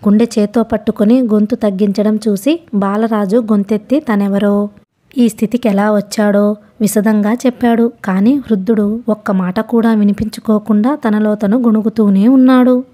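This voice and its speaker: A woman narrating a story in a measured, expressive reading. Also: medium pitch.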